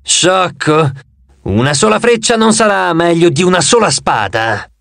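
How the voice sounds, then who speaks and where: A man voicing a brutal three-bodied giant rancher who taunts and shouts threats, in an audiobook. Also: sits high, expressive, a little slow, gravelly, no room sound, full character voice. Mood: menacing.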